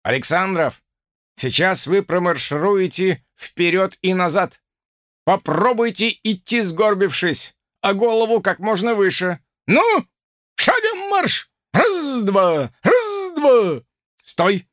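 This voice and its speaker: Man voicing a stern drill officer, barking commands, bright tense voice, very lively delivery. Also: sits high, slow pace, no echo, studio quality, voice pushed up, exaggerated voice. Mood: mocking stern. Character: stern sharp-tongued male army drill officer.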